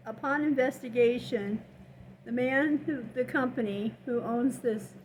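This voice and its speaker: A woman's voice: on the high side, a little hiss or hum, poor audio. An older woman telling personal stories casually to camera in a plainspoken, folksy, reflective way. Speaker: vlogger.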